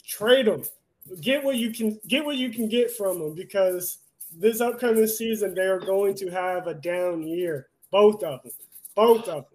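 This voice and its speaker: A man's voice: sits high, normal speed, a little mellow. A young man co-hosting a sports podcast, ranting in a heated, profane way in casual chat. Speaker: podcast co-host.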